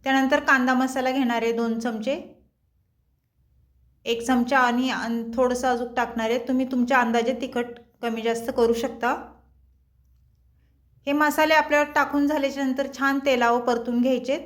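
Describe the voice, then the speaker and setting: A high-voiced woman walks viewers through a home cooking recipe. She talks in a chatty, friendly way and addresses her audience as friends. Her speech stays light and conversational. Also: little pitch movement, normal speed. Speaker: cooking channel host.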